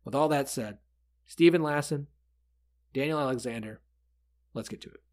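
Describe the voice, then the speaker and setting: A man's voice: medium pitch, normal speed, darkish tone. A man hosting a sports podcast in a casual, conversational way. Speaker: podcast host.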